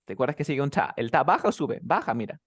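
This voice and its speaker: Very animated, a man coaches pronunciation one on one at a middle pitch, throwing quick quiz questions at his student. To demonstrate stress, he repeats each example sentence slowly, over and over. The sound is close and dry, with no echo from the room.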